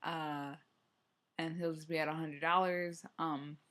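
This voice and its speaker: A woman's voice: low voice, level tone, unhurried, a bit bright. A young adult woman chatting casually on a solo running vlog, rambling and hesitant, often restarting her sentences. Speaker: running vlogger.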